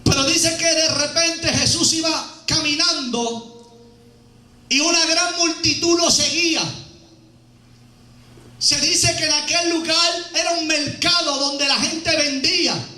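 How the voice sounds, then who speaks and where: A man preaching a fiery sermon as an evangelist, shouting and driving his points home with repeated phrases. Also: very high-pitched, unhurried. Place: church hall. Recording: echoey church hall with faint music.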